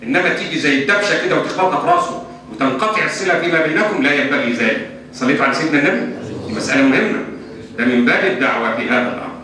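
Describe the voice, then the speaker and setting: Racing and expressive, his somewhat high voice sounds pushed and bright. The man, an Islamic scholar with an Egyptian Arabic accent, emphatically fields religious questions in a lesson, switching between formal and everyday speech. A faint hum and the echo of a hall heard from afar color the audio.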